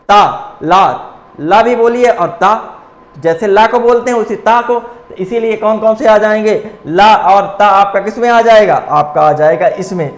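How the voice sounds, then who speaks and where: A man with a high-pitched voice is recorded in a roomy space as he coaches a class in lecture form. He drills his students by asking them questions and then answering them himself.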